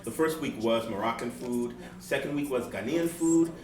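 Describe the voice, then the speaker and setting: A man in his thirties from Seattle, a guest answering in a relaxed, earnest way during a live on-stage interview. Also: mid-range voice, moderate pace. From Seattle, USA. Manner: relaxed and earnest, many "um" fillers. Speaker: guest, board member of a nonprofit. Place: event venue with live audience. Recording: echoey venue, distant mic, music behind.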